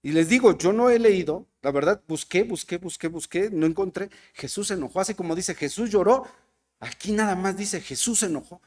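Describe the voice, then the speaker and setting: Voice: medium pitch, a little fast, hardly any pauses, darkish tone. A preacher with a Mexican Spanish accent giving a sermon at a church service, asking the congregation questions and acting out the voices of people in the story. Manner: asks the congregation questions and acts out quoted voices.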